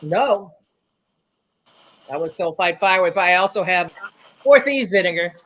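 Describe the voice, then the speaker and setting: A man's voice: high-pitched, animated, measured pace, fairly bright tone, highs cut off. A man chatting casually during a paranormal session, musing and asking questions in short, tentative phrases.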